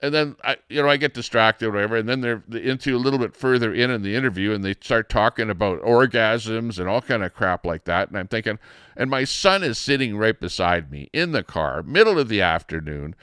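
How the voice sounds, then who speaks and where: A man's voice: on the low side, fairly bright tone, smooth, no room sound, clean studio sound. A middle-aged man hosting a livestream, ranting in a rambling, indignant way with lots of fillers and restarts. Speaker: livestream host. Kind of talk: casual ranting commentary.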